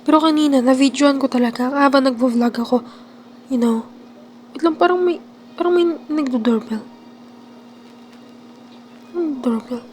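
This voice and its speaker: A young woman vlogger narrating a horror game role-play, excitable, with sudden screams and quiet asides. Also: high voice, moderate pace, long pauses, slight background noise.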